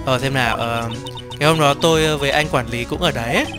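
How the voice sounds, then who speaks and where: A mid-range male voice belongs to a gameplay streamer reading in-game dialogue aloud, game music in the background. He performs each character's lines in playful voices, commenting between them, eager, quick to laugh, and just as quick to swear.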